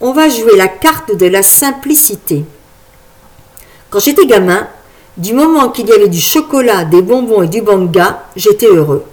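A woman's voice: medium pitch, expressive, normal speed, a little mellow, close to an everyday voice. Young dad teasing and joking, read by a woman, audiobook figure, light playful banter.

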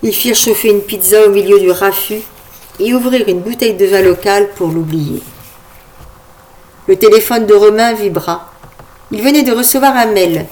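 A woman narrates a comic story as an audiobook, with a wry, conversational delivery at a mid pitch. She reads with a light, dry humour. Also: moderate pace, darkish tone.

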